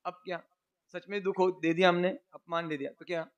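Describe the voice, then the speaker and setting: A man with a high voice delivers a sermon. He puts questions to his listeners, answers them himself, and tells little stories with the dialogue acted out. His voice shifts between soft and loud. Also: level tone, brisk, smooth, muffled recording. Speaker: preacher. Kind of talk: monsoon-season sermon.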